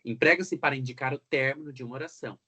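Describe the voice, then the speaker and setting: A man's voice: medium pitch, fast, bright, forceful tone, husky. Man teaching a grammar lesson. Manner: explanatory, frequent tag questions.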